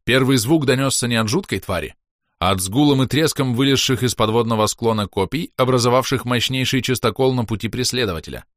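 A man narrating a first-person fantasy audiobook in a lively, expressive way. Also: medium pitch, fast, no room sound, clean studio sound.

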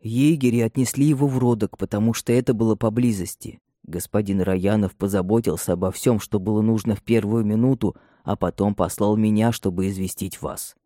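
Серьёзный управляющий имением почтительно и приглушённо рассказывает о несчастье, его читает мужчина. Голос тёмный и мягкий, запись сухая и близкая. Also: male voice, fairly low pitch, steady tone, brisk, few pauses, mellow, no echo, clean studio sound, lightly acted. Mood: grave. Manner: subdued, respectful. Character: grave male estate steward bearing bad news.

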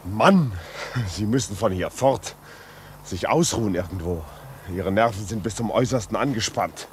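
In an old radio play, a man plays a sociable visiting gentleman with a lively, bouncing voice. He sounds curious and reassuring and chuckles easily, and faint ambience sits under the dialogue. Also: on the low side, normal speed, a little hiss or hum, close to an everyday voice. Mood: genial. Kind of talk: classic radio drama acting.

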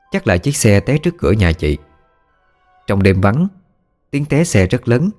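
A man narrating a ghost story in a steady, plain way. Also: low voice.

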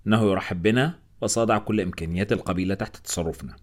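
رجل يؤدي مترجما عمليا. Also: male voice, fairly low pitch, very fast, close to an everyday voice. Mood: matter-of-fact. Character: Budorga, a plain-spoken male interpreter.

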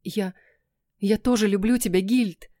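A woman's voice: medium pitch, fairly even intonation, unhurried, dark tone, dry recording, studio quality, close to an everyday voice. A woman voicing a tearful, pleading young noblewoman. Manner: pleading, sobbing.

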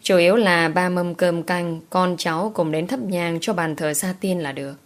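A woman narrating a romance novel as an audiobook in an even storytelling manner. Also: lowish voice, normal speed.

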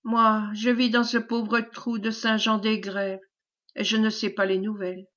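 A woman's voice: medium pitch, flat delivery, measured pace, a bit bright, natural voice. A woman reading the part of a sly, mock-humble male peasant informer, in a wheedling manner, on a dull lo-fi recording.

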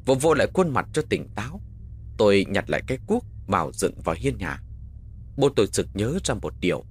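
Brief: male horror storyteller, husky and dry, lively rises and falls. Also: fairly low pitch, fairly quick. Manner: dramatic, expressive storytelling.

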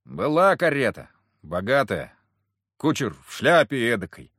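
A man voicing a gruff, bossy boy who leads a street gang and talks in blunt, rough street slang. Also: mid-range voice, big pitch swings, unhurried, fairly bright tone, dry recording, clean studio sound.

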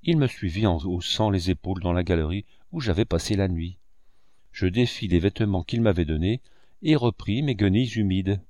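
A man narrating a novel in an audiobook with a measured storytelling manner. His voice sits on the low side. The recording is dry and close, with no room in it. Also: dark tone, no echo.

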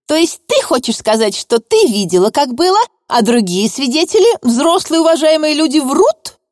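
A woman voicing a stern older female court assessor who bullies a witness in a shrill, pushy tone. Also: very animated, normal speed, darkish tone, no room sound, clean studio sound. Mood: indignant. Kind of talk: audiobook reading.

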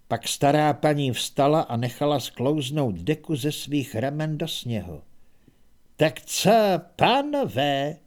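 A man reading a comic fantasy audiobook in a wry, expressive storytelling manner. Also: fairly high pitch. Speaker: audiobook narrator. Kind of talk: scripted narration.

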